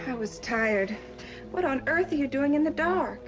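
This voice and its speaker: A woman's voice: sits high, expressive, normal speed, music in the background. An actress playing a devoted, lonely policeman's wife in a 1940s film noir style. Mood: concerned. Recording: dull old film soundtrack.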